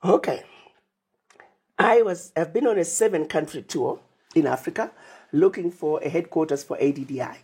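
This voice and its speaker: Speaking at a moderate pace with frequent pauses, this Zimbabwean woman has a low, mellow, husky voice. She's a Pan-African advocate being interviewed, and she talks emphatically, listing out plans and recounting conversations.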